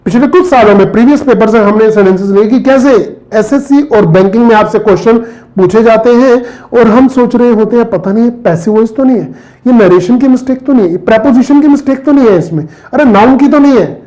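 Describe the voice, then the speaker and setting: A man's voice: extremely high pitch, brisk, dark tone, rough recording. A man teaching a grammar lesson and quizzing his viewers with questions as he goes. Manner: talks to viewers, quizzing them with rhetorical questions. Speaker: English teacher.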